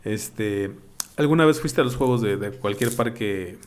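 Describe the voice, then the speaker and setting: A man's voice: fairly low pitch, measured pace. A man with a Mexican accent, co-hosting a casual podcast and telling childhood stories, laughing often and acting out the voices of people he quotes. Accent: Mexican Spanish. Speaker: podcast co-host.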